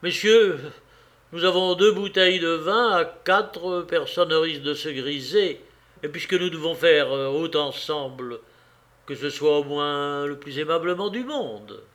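A man's voice: fairly high pitch, unhurried, a bit bright. A man voicing a cheerful, witty young Parisian journalist with a teasing, jaunty manner. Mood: gracious.

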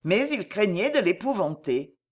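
Expressive woman reading a storybook. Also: medium pitch, a little slow. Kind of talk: reading a classic storybook aloud.

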